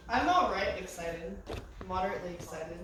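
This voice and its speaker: A woman's voice: on the low side, lively intonation, normal speed, fairly bright tone, very echoey, recorded from a distance, poor audio. A woman co-hosting a casual comedy podcast, dry and understated. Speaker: podcast co-host.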